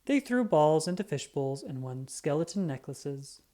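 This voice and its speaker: With a voice that sits low and a moderate pace, a woman performs a scripted, expressive reading of a children's book, voicing the dialogue as she goes.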